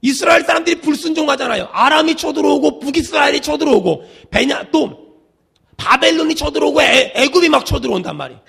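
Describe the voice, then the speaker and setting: High-pitched, gravelly preaching man. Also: animated, fast. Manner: preaching with call-and-response, swinging from loud shouts to hushed asides. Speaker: senior pastor. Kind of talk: sermon.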